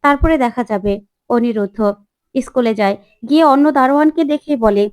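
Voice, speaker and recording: A woman whose voice sits high and a little mellow recounts a TV serial episode at a slightly fast clip, performing all the characters with small voice shifts. The sound is clean studio audio without echo.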